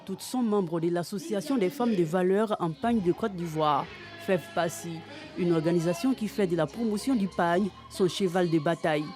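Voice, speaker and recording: Reporter, Ivorian French accent, formal narration over clear music bed. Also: medium pitch, normal speed, darkish tone.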